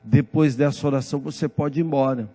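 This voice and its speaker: Patient, gentle male counselor with a Brazilian accent, quoted by a pastor, lower and quieter than the preacher. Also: fairly even intonation, brisk, natural voice. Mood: reassuring. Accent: Brazilian Portuguese. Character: calm older male rehab counselor, patient.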